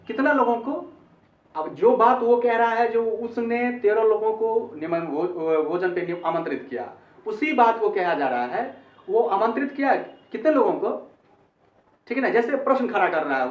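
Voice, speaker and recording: High-pitched man teaching in an echoey room. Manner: explains in Hindi, repeats phrases, asks "ठीक है?". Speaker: English teacher. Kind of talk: online grammar lesson. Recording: echoey, distant, dull-sounding recording.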